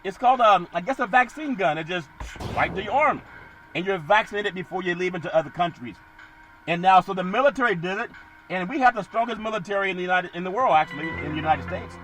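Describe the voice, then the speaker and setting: A middle-aged man hosting a sports podcast, animated, repeating catchphrases and swinging between loud and quiet. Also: high-pitched, fast, soft background music, rough recording. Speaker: podcast host. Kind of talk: sports talk monologue.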